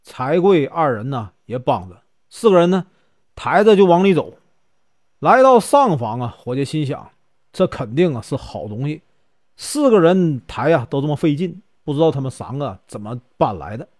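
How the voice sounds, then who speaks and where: A man's voice: on the high side, big pitch swings, moderate pace, a little mellow, no room sound, clean studio sound. A man narrating a traditional folk tale in a chatty, conversational way, stretching out filler particles between phrases. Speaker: storyteller.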